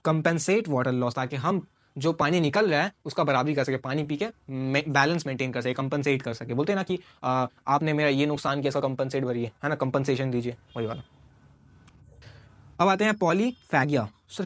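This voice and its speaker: A man's voice: a little high, no echo. A man teaching a school science lesson online, explaining terms with everyday examples and repeating key words. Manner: addresses the viewer as "sir" and mixes in English terms. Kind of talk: online class lecture.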